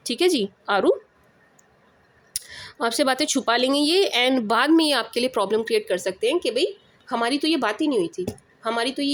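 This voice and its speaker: A woman with an Indian accent giving a casual tarot reading, emphatic, often checking that listeners understand and calling them sweet pet names. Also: a little high. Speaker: tarot reader.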